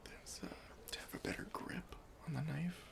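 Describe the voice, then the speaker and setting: In a whispered, deliberate ASMR roleplay, a man plays an officious airport security officer who is easily persuaded, questioning with mock-stern politeness. His natural voice is whispery and breathy, and his mood is agreeable and musing.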